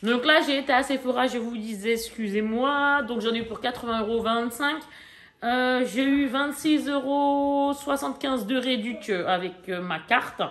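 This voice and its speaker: A woman's voice: on the high side, normal speed, a bit bright. A chatty woman in her forties talking casually to viewers as she shows off a shopping haul. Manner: chatty, talks straight to viewers, many fillers and asides. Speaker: vlogger showing a shopping haul. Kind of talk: casual haul vlog chat.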